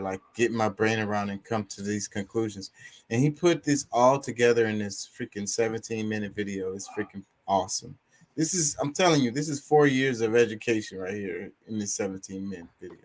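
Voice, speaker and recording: A man's voice: lowish voice, a bit bright. A man hosting a casual talk show, emphatic and blunt, swearing freely and using slang. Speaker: podcast host.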